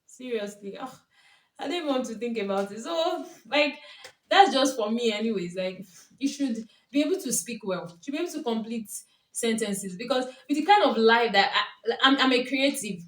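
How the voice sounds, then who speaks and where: A young Yoruba-speaking woman with a Nigerian accent talks to camera as a vlogger and coach, sharing stories and casual relationship advice with plenty of laughter. Her voice is a little high and animated, at a moderate pace. The microphone is at a distance, giving a roomy sound.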